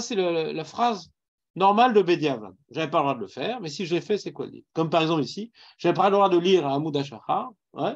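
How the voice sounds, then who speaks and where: A man with a Parisian accent leads a Talmud class in a high voice that swings widely in pitch. He keeps putting questions to his students and mixes Hebrew terms into his French. The recording sounds dull and lo-fi. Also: vocal fry. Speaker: rabbi teaching Talmud.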